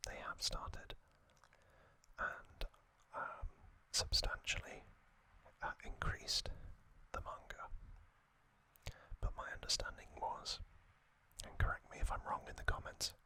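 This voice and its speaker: Whispering gently and breathily, a man presents trivia and commentary for an ASMR video. He speaks in brief, broken phrases without hurrying.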